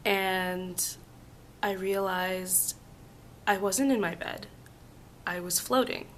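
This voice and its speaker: A woman vlogging casually about personal experiences in a halting way, hoarse and sick, her voice giving out into whispers. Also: medium pitch, fairly bright tone, slight background noise. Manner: halting, hesitant, with long pauses. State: sick with flu and laryngitis. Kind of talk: casual personal storytelling to camera.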